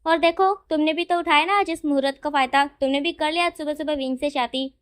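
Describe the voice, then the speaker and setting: A woman's voice: sits high, fairly even intonation, fairly quick, lightly acted. Woman reading as a scolding old uncle. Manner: lecturing, exasperated. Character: stern older male uncle, mock-angry and scolding.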